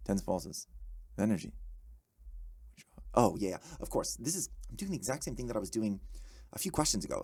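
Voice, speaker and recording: A man works practice test questions out loud in a dry, close room. His voice sits low with some gravel, but his pitch swings widely as he catches mistakes, corrects himself, and cheers his own answers. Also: dry recording. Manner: animated, self-correcting, quick asides and exclamations. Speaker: test-prep tutor. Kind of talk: thinking aloud while working practice questions.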